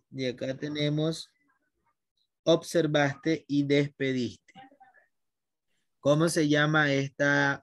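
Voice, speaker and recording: A man's voice: medium pitch, dry recording, clean studio sound. A man teaching a language class online, patiently guiding his students by name.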